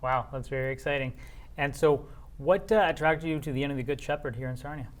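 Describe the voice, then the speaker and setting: A man's voice: medium pitch, fast. A man hosting a community TV interview, friendly and affirming, with frequent mm-hmms. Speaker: host.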